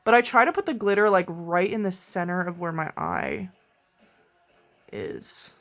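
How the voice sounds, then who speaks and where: A woman doing a casual makeup tutorial, chatty and excitable, rambling between quiet asides and sudden bursts of enthusiasm. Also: lowish voice, unhurried, faint music behind. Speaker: beauty vlogger. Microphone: camera mic while filming herself.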